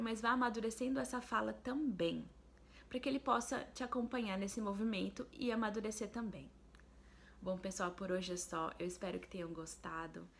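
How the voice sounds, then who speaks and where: Female speech therapist, explanatory tone, some vocal fry, light background hiss. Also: fairly high pitch. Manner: clear, explanatory, demonstrative. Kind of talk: instructional video for parents.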